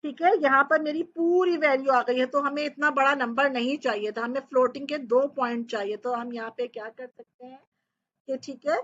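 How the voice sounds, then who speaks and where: A woman's voice: high voice, fairly quick, fairly bright tone, muffled recording. A woman teaching programming, explaining step by step and often checking in with her students. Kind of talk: coding tutorial lecture.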